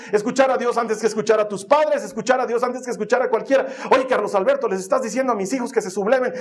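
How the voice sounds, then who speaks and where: Male pastor, high voice, storytelling sermon with emphatic repeats. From Bolivia.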